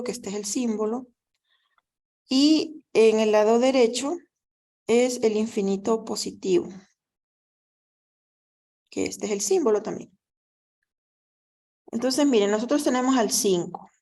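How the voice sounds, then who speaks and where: A woman's voice: fairly high pitch, dark tone. A woman teaching a math class in a patient, step-by-step way, often checking in with the students. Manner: patient, explanatory, often asks "¿verdad?". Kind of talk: recorded class lecture.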